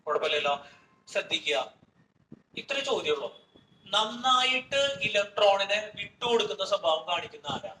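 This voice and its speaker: A man's voice: high voice, pushed and bright, recorded from a distance. A man with a Malayali accent teaching a chemistry class, quizzing his students, repeating questions and scolding them. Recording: echoey classroom with faint noise.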